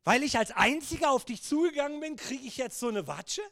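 A man's voice: high voice, huge pitch swings, moderate pace, no room sound, studio quality, full character voice. A man voicing a soaked, sulking apostle who mutters and complains that he has been wronged. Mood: aggrieved.

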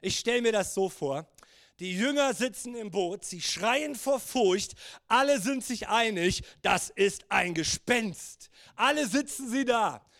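A man in his fifties preaching a sermon, telling stories in a lively, conversational way. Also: sits high, slow pace, gravelly, dry recording, clean studio sound.

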